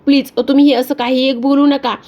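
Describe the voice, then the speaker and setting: A woman's voice: high voice, flat delivery, fairly quick, a little mellow, lightly acted. A woman reading the lines of an angry young woman who defends her mother-in-law. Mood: indignant. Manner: indignant.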